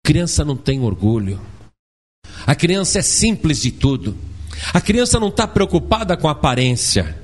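Man, middle-aged pastor, preaching, fairly high voice, very lively pitch. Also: moderate pace. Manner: animated, acts out children's and parents' voices, asks the congregation questions. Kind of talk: sermon.

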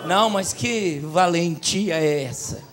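Brazilian preacher, high male voice, swings from hush to shouting, live music under him. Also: slow. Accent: Brazilian Portuguese. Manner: storytelling, swings from quiet to shouting. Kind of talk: sermon.

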